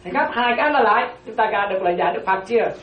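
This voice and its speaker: A woman's voice: fairly high pitch, animated, rapid-fire, lo-fi sound. A Buddhist nun giving a dharma talk, repeating key phrases and often asking whether her listeners follow. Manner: keeps checking listeners follow with repeated questions. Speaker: Buddhist nun teaching a class. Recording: roomy, distant mic.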